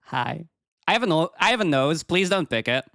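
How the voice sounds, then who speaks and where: A woman's voice: deep voice, lively intonation, a little fast, a bit bright, no echo, clean studio sound. A woman with a cute, cheery anime-streamer delivery, chatting casually with viewers on a livestream as a VTuber.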